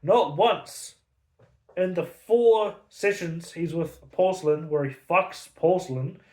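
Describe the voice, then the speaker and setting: A man's voice: on the high side, slow, darkish tone, reverberant. A man giving a casual, angry, sarcastic book review full of swearing.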